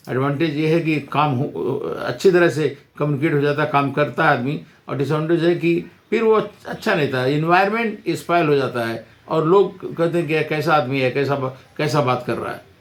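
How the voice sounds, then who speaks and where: Halting male advocate explaining. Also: on the high side. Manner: halting, repeats words and restarts often. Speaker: advocate giving a legal lesson. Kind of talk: informal explanatory talk.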